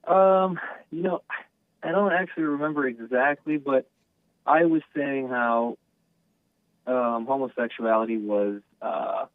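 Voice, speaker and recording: This is a man calling in over the phone, his voice thin and tinny as it comes down the line. He speaks haltingly, often stumbling and restarting as he gathers his thoughts. The sound is dry, with no sense of a room around him. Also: mid-range voice, no echo. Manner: halting, hesitant with many restarts. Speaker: caller. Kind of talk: call-in chat.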